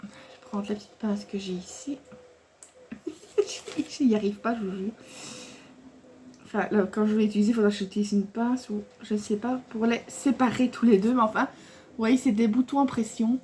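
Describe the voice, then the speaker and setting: A woman's voice: on the high side, fairly even intonation, normal speed, pauses often, warm tone, slight background noise. A woman vlogging casually to camera about her craft haul, rambling and chatty, with many fillers, restarts and frequent laughs. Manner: laughs often while talking.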